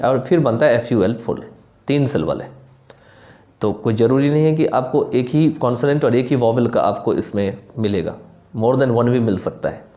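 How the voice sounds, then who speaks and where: A male teacher with a mellow, warm voice at an ordinary middle pitch. He reads definitions out slowly and then goes over them again in simpler terms, often pausing to check that his students are following. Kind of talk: Hindi lecture on English phonetics, mixing Hindi and English.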